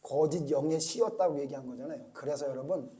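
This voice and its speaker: A male pastor preaches to his congregation, retelling the story with lively turns and questions to the pews. His voice sits noticeably high for a man. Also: quick pace. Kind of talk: sermon. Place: church.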